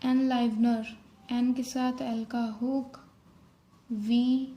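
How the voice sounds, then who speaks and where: High, slow-speaking woman teacher. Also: little pitch movement, dull audio. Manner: spells out letters and strokes one by one, mixing Hindi and English. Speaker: shorthand teacher. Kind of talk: step-by-step tutorial explanation.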